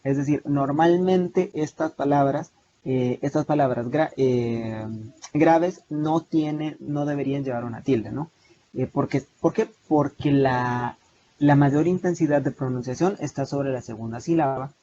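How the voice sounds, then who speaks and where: A man's voice: medium pitch, unhurried, mellow. A young man with a Salvadoran Spanish accent, teaching an online class over slides, explaining steadily with many hesitations and restarts. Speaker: online tutor. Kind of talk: lecturing over video call slides. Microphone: video call mic. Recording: muffled lo-fi video call with faint noise.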